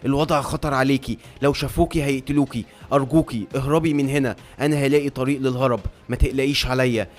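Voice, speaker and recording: A man voicing a kind woodsman hero talking softly to his wolf, with an Egyptian accent. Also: mid-range voice, steady tone, fast, hardly any pauses, close to an everyday voice. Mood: gentle. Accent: Egyptian Arabic. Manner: soft, reassuring.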